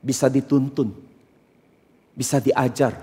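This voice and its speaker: A man's voice: mid-range voice, fairly even intonation, takes it slowly, warm tone, slightly rough, long reverb tail. A man preaching a sermon as pastor, questioning and teasing his congregation with emphatic points. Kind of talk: interactive sermon. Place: church hall during a service.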